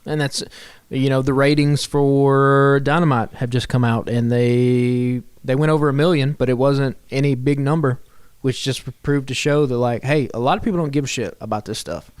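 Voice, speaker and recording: A man's voice: medium pitch, fairly even intonation, moderate pace, a little mellow, smooth, no room sound. A man, co-hosting a podcast with laid-back, dry remarks. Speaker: podcast co-host. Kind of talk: casual chat.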